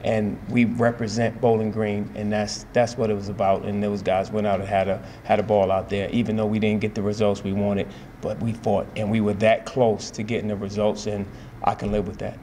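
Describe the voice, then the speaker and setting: A little hiss or hum accompanies this man in his forties, a head basketball coach speaking into table mics at a post-game press conference. The setting is a press room with a sponsor backdrop. His voice is lowish, and he talks in a calm, measured manner, repeating phrases and using many fillers.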